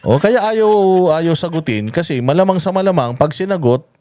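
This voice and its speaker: A man giving casual political commentary, chatty and often chuckling, with his pitch swinging up and down. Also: expressive, moderate pace, darkish tone, slight background noise.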